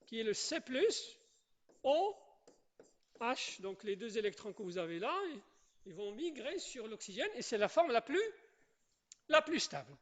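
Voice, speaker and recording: Speaking at medium pitch, very animated yet at a measured pace with long pauses, a chemistry teacher gives a lesson at the board. Points get repeated, the class is checked on with "d'accord?" and "je répète", and students are quizzed and praised for their answers.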